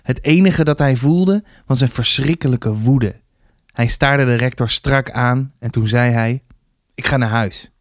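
A man reading a youth novel aloud with steady, measured narration. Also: mid-range voice, no room sound, clean studio sound. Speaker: reader. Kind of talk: storybook reading.

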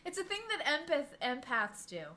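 A woman's voice: sits high, very animated, normal speed, sharp tone, slight background noise. A young woman co-hosting a casual podcast chat, giggly and self-deprecating, laughing often. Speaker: podcast co-host.

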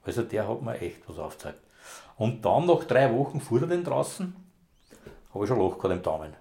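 A man's voice: mid-range voice, sing-song, brisk, creaky, warm tone. A man, a former rescue dog handler, telling long rambling anecdotes in broad dialect in a casual interview.

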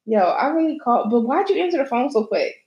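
A woman co-hosting a podcast, teasing her partner and breaking into laughter. Her pitch sits a bit high and jumps around a lot. The room gives her voice a noticeable echo. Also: sing-song, fast, darkish tone, muffled recording. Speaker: podcast co-host. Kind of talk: casual chat.

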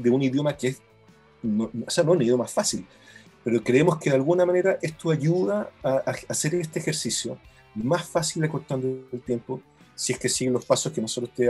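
A man's voice: mid-range voice, fairly quick, darkish tone, breathy edge, faint music behind. A man, an app co-founder, patiently explaining how a product works in a demo.

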